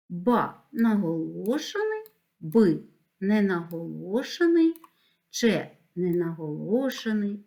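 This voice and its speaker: Woman teacher, lively pitch, slow deliberate syllable drills. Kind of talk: school lesson explanation.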